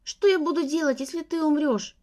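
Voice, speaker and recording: A woman voicing a gentle young daughter who pleads softly through tears. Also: sits high, fairly even intonation, brisk, voice pushed up, close to an everyday voice. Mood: pleading. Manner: soft pleading.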